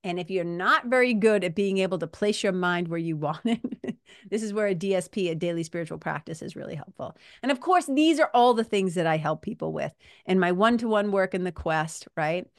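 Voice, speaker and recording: A woman's voice: lowish voice, animated, a little fast, no room sound, studio quality. A woman speaking as a podcast host and coach, giving a casual, emphatic motivational talk to listeners in informal, salty language.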